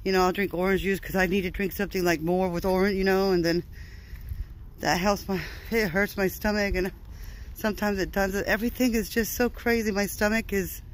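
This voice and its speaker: A man's voice: high voice, steady tone, low-quality recording. A man vlogging outdoors on a short walk, talking in a weary, frustrated way with sighs and swearing. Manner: weary, frustrated, sighing, profane, drawn-out phrases. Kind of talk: casual vlog talk.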